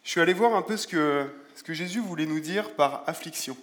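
A man preaching a sermon in a relaxed, conversational way, with self-deprecating humor and Bible verses read aloud. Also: on the high side, brisk. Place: church.

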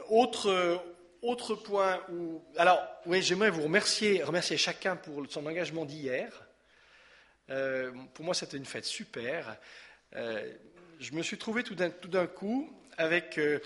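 A man with a slightly high voice gives church announcements. He talks casually and warmly, stumbling over words and filling gaps with hesitations. It sounds like a pastor addressing his congregation in a church hall. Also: animated, measured pace. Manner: warm, conversational, hesitant with many fillers.

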